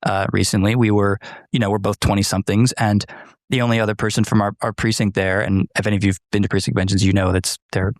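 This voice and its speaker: A man in his twenties, a guest telling an anecdote in an animated way during a studio conversation. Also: lowish voice, quick pace, no room sound. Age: 20s. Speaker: guest, young political activist.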